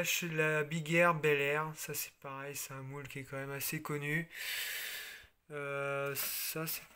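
A man from France casually showing his toy car collection, chatty and relaxed, with frequent fillers and restarts. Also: fairly high pitch, clean tone. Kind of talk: casual show-and-tell.

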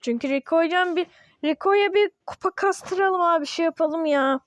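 A woman casually commenting on her own gameplay, chatty and excitable, grumbling and yawning as she plays. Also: very high-pitched, moderate pace, no room sound. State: yawning, sleepy. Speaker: gaming video host.

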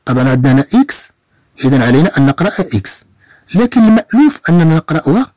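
A man's voice: on the high side, very animated, a little mellow, dry recording. A man teaching beginner French, breaking words into syllables and repeating them patiently. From Morocco. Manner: slow syllable-by-syllable modeling of words, patient repetition. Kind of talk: online beginner French lesson.

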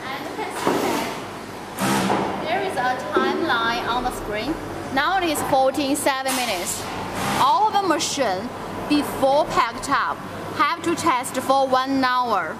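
A young tour guide with a high-sitting, animated voice takes viewers through a factory and warehouse at a measured pace. She points things out and explains each step, and her voice carries over the loud background noise of the reverberant hall.

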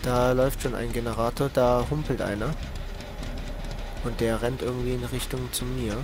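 A man's voice: medium pitch, fairly even intonation, normal speed, background noise. A man giving casual, slangy commentary on a horror game, talking straight to his viewers as a let's play host. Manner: colloquial, slangy, addressing viewers directly.

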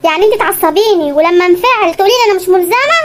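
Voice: very high voice, animated, racing, fairly bright tone, slight background noise. A performer voicing an exasperated young man in an Egyptian cartoon sketch, speaking with an Egyptian accent and grumbling sarcastically. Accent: Egyptian Arabic. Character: exasperated young man, put-upon fiancé. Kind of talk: animated comedy sketch.

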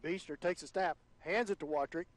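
Excitable play-by-play football announcer. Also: male voice, a little fast. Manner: rises in pitch and volume on big plays.

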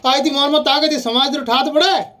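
The voice is high, brisk, and bright, with a forceful tone, belonging to a speaker with a Rajasthani accent. They argue heatedly on a phone call, insistent and often repeating themselves.

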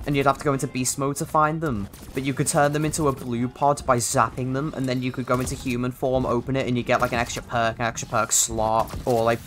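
A young adult man who makes gaming videos talks through gameplay in a chatty, rambling, slangy way. His voice sits at a medium pitch with a fairly bright tone, and his accent blends North London with Liverpool, since he's from North London but grew up in Liverpool.

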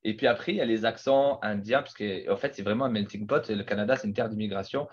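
A man's voice: fairly low pitch, quick pace, husky. A man on a video call, joking and telling anecdotes in a casual panel discussion. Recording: dull lo-fi call audio.

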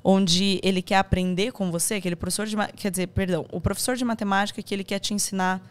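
A woman's voice: mid-range voice, quick pace, clear, resonant tone. A woman with a Brazilian accent, speaking as a podcast guest about her courses and acting out the advice she quotes. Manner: animated, acts out quoted advice. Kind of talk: conversational interview.

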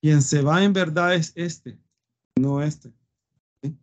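A man's voice: a little high, slow pace. A man teaching a live web design coding lesson, thinking aloud with fillers and often checking "¿sí?" with his students. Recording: dull lo-fi screen recording.

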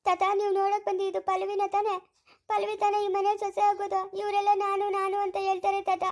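A frightened young village girl, acted by a woman in an amateur family drama, begging in tearful rural Chikkaballapura Kannada. Her voice is very high and flat in melody, and she talks fast. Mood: tearful pleading. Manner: pleading, tearful.

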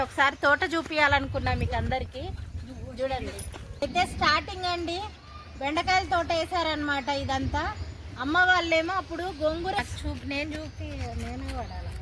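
A woman, chatting casually to viewers as host of her own cooking channel while out and about. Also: sits high. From India. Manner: chatty, addresses viewers directly. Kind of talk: casual travel vlog. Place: outdoors and in a car. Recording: noisy outdoor phone recording.

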